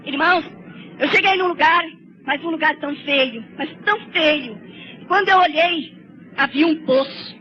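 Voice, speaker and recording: A woman's voice: high voice, a little slow. A woman gives a fervent, tearful testimony sermon and keeps calling her listeners brothers. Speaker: church sister giving a testimony. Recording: slightly dull lo-fi recording with faint noise.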